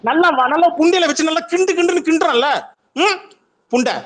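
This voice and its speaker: Man, high voice, rapid-fire, aggressive and mocking, arguing on a phone call. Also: fairly bright tone. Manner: aggressive, taunting, profane. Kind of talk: heated online audio-room argument.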